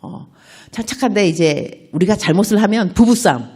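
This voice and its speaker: A middle-aged woman missionary preaches at a revival meeting, her voice sitting in a middle range. She tells stories and acts out the characters' lines, so her pitch swings widely. The delivery is warm toward the congregation and full of vivid dialogue. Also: normal speed, husky. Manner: animated, acts out quoted dialogue in shifting voices. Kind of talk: revival sermon with storytelling.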